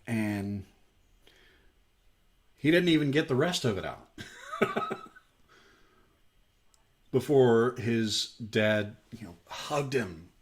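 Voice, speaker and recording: A man's voice: mid-range voice, very slow, pauses often. A man hosting a daily scripture stream, talking through a parable in a conversational way, with frequent "you know"s. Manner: animated, conversational, many fillers like "you know". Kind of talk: Bible study talk.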